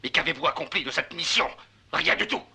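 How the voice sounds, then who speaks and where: An actor playing a coldly authoritative, menacing magistrate in a dubbed period adventure series, speaking formally and sternly. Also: male voice, a little high, big pitch swings, a little fast, pushed and bright, breathy edge, full character voice. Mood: stern reproach.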